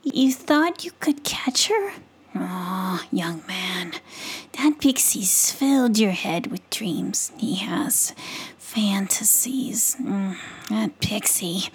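A woman voicing a stern, skeptical mother possum in a soft whisper, for a storybook. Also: medium pitch, lively intonation, extremely slow, slightly rough, full character voice. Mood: questioning.

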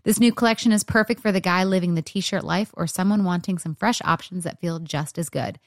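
A woman reading a scripted clothing ad with warm enthusiasm. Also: lowish voice, brisk, no echo, studio quality. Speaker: ad reader. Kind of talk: scripted retail ad read.

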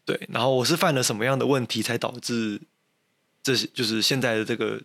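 A young man speaking Mandarin with a Taiwanese accent, guesting on an interview show as a mountaineer. His voice has a gravelly, creaky edge at an ordinary pitch. He talks in a reflective, self-deprecating way, full of restarts. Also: fairly even intonation, brisk, a bit bright. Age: young adult. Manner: thoughtful, self-deprecating, many restarts and fillers. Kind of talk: casual interview talk.

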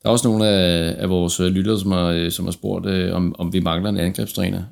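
Low, creaky-voiced podcast host, male. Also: little pitch movement, a little mellow. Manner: tentative, circles around his points. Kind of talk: casual football discussion.

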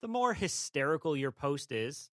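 A man's voice: fairly high pitch, big pitch swings, normal speed, fairly bright tone, no echo, studio quality. A man co-hosting a faith-based podcast, thoughtful and affirming, guiding the talk with questions. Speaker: podcast co-host, interviewer.

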